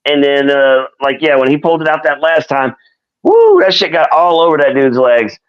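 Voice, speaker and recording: A man's voice: a little high, sing-song, normal speed, smooth. A man guesting on a casual chat show, talking in a laid-back, profane way full of fillers. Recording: dull lo-fi audio.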